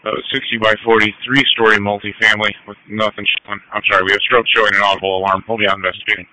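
A man's voice: on the low side, flat delivery, racing, bright, forceful tone, slight background noise, rough recording. A male firefighter giving clipped, businesslike scene reports over two-way radio.

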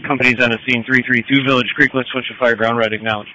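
A man acting as fire commander on a two-way radio. He talks fast in a forceful, sharp voice. His reports are terse, clipped and procedural. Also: mid-range voice, steady tone, poor audio.

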